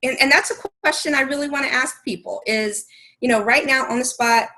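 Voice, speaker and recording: Woman cohost, casual chat, slow careful talk, kinda high voice. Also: pushed and bright, rough recording. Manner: thoughtful, slow and searching, many restarts. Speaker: podcast co-host. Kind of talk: casual conversation.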